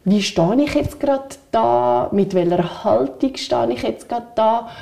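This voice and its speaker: A woman's voice: a little high, expressive, unhurried, creaky, dark tone. A woman with a Swiss German accent co-hosting a podcast, speaking candidly and thinking aloud in long, winding sentences. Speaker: podcast co-host. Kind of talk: reflective casual chat.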